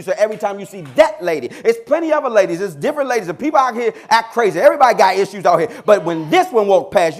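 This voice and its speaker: In a church, a pastor leads a call-and-response sermon, his high voice swooping animatedly from line to line. He alternates between loud, emphatic questions to the congregation and quiet, low asides.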